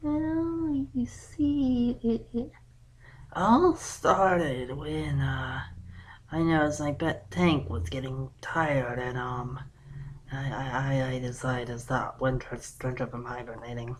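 A man's voice: mid-range voice, slow, slight background noise, lightly acted. A man voicing a brash young female pegasus pony who stammers and pleads nervously in a fan audio drama.

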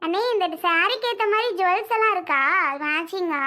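A woman's voice: very high voice, fairly quick, sharp tone. A woman playing a playful young sister who teases her older brother and fishes for compliments. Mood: chirpy. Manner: chirpy, teasing.

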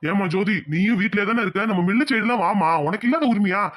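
A woman voicing a calm, patient middle-aged husband in a cartoon, soothing his worried wife. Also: mid-range voice, fast talker, lightly acted.

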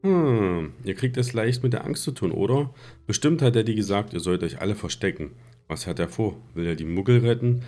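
A man's voice: lowish voice, animated, fairly quick, mellow, faint music behind, voice pushed up, close to an everyday voice. A man voicing a sneering, arrogant teenage boy wizard in a storybook reading, with a taunting, smug delivery. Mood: mocking.

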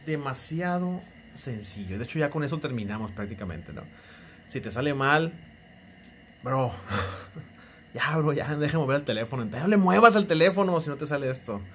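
A man's voice: fairly high pitch, expressive, normal speed, a bit bright, a little hiss or hum. A young man with a Mexican accent chatting through a casual phone tutorial, joking and teasing the viewer as he goes. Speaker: tech YouTuber.

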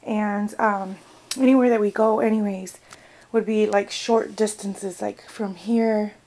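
A woman's voice: mid-range voice, steady tone, measured pace, dark tone, rough recording. A young American woman chatting casually in a vlog, rambling with lots of fillers. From United States. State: out of breath. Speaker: vlogger.

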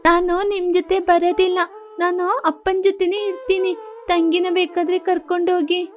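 A woman's voice: very high voice, flat delivery, normal speed, soft background music, pitched above the performer's own voice. A woman voicing frightened little girls who plead tearfully for their mother in a storybook tale. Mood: stubborn.

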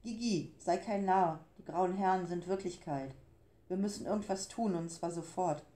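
A woman voicing an old, slow-spoken man in an audiobook, talking in a halting, breathless way. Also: on the low side, warm tone, natural voice. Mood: urgent. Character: old male street sweeper, slow-spoken, worried.

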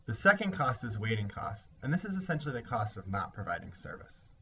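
A man teaching a recorded lesson, explaining ideas step by step in a measured way. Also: medium pitch, bright, forceful tone. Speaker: instructor. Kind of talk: recorded lecture. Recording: slightly dull lo-fi recording with faint hiss.

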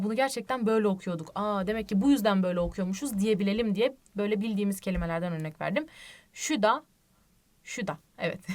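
A woman teaching a language lesson online, patient and reassuring, repeating each example word slowly and often checking in with her students. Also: medium pitch. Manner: asks the class frequent tag questions. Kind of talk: online lesson explaining reading rules.

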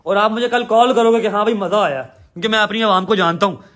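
A man's voice: high-pitched, fast. Teasing man. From Pakistan. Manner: warm, teasing, emphatic. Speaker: vlogger. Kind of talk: casual family vlog talk.

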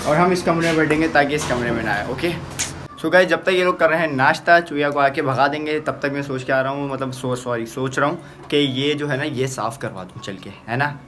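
A young man from Pakistan with a Karachi Urdu accent, vlogging at home in a chatty, excitable, teasing way. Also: mid-range voice, a little hiss or hum. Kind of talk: casual home vlog. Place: family home indoors.

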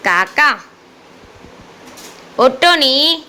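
A woman's voice: high voice, expressive, very slow, bright, forceful tone, poor audio. A woman, playfully teasing and baby-talking to her dogs in a sing-song, coaxing way. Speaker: dog owner vlogger.

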